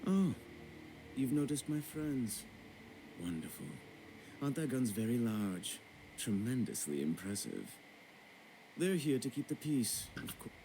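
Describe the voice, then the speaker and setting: An actor playing a fussy, pompous male bureaucrat on a ship in a video game, with prim, fastidious diction. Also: medium pitch, very animated, mellow, slight background noise, rough recording. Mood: smug.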